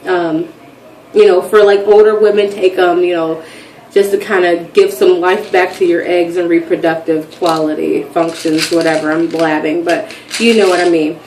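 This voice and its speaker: A woman's voice: fairly low pitch, moderate pace, distant mic. Rambling thirtysomething woman vlogger, heard a little off mic in a roomy space. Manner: chatty, rambling, animated storytelling. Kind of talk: casual chat. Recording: echoey room, voice from off mic, faint background noise.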